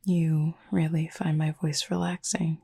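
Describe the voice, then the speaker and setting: This sleep-aid ASMR roleplay features a woman as a composed, gentle Cupid roommate, her deep, breathy, creaky near-whisper soft and reassuring, with formal phrasing. She speaks at a measured pace with little pitch movement in a full character voice, and the mood is calm and reassuring.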